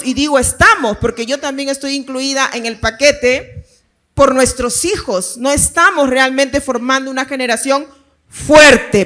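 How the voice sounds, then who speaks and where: High-voiced woman pastor preaching. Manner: animated, laughing storytelling with rhetorical questions. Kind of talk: sermon.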